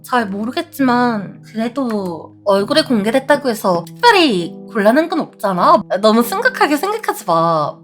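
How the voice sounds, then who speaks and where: A woman streamer playing a horror game, reading lines aloud and swearing and shrieking when startled. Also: on the high side. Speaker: VTuber streamer. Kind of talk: horror game let's play with reading out dialogue.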